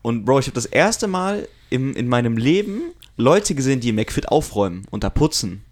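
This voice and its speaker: A young man, co-hosting a podcast in casual chat, telling stories in a slangy, animated way. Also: mid-range voice, moderate pace. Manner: slangy, animated storytelling with laughs. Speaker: podcast co-host.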